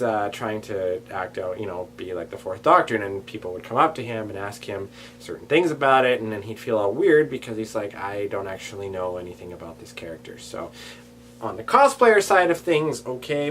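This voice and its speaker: A man chatting on a casual video diary, drifting from one tangent to the next. His voice sits at an ordinary middle pitch, jumping from loud, excited bursts to quiet, muttered asides. A faint hum runs underneath the recording. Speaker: vlogger. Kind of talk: casual rambling vlog.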